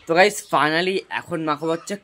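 A young man, vlogging casually outdoors. He talks chattily and excitably, and keeps calling out to his viewers. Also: a little high, brisk. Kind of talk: casual vlog to camera.

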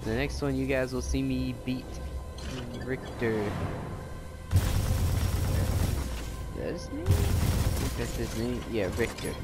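A man's voice: medium pitch, big pitch swings, slow, pauses often. A young man hosting a let's play, chatting casually and trash-talking the game as he plays. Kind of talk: casual gameplay commentary. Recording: game music loud behind voice.

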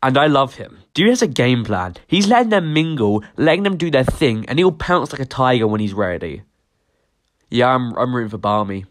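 A teenage boy narrates a reaction video in a sarcastic, mocking way, cursing casually. His voice sits at an ordinary middle pitch. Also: expressive, normal speed. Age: teens. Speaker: YouTube commentator. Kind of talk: reaction commentary.

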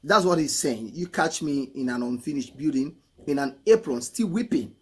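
A middle-aged man with a husky voice, reacting to a song in casual commentary and repeating phrases for emphasis. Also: medium pitch, animated, normal speed, darkish tone. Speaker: music reaction host. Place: indoor room, photo-covered wall. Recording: music playing faintly behind. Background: hip hop song.

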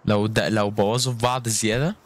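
A man's voice: on the low side, fairly even intonation, quick pace. A man with an Egyptian Arabic accent giving chatty gameplay commentary, calling out to viewers with frequent exclamations. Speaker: gaming YouTuber.

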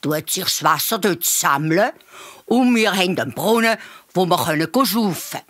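A woman's voice: lowish voice, normal speed, no room sound, studio quality, pitched above the performer's own voice. A woman with a Swiss German accent voicing a clever male fox who calls out an idea eagerly in a storybook tale. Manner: eager, excited calling out. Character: sly clever fox, small male animal.

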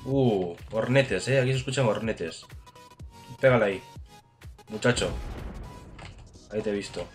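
A man with a Spain Spanish accent doing casual gameplay commentary as a gaming channel host, excitable, swearing and cheering on his teammates. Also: fairly low pitch, moderate pace, pauses often, soft background music.

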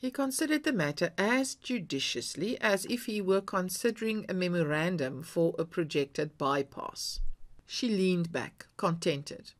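A woman reads a short story aloud with a fairly low voice and a lively, rising and falling delivery. Her narration is measured and expressive. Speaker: story reader.

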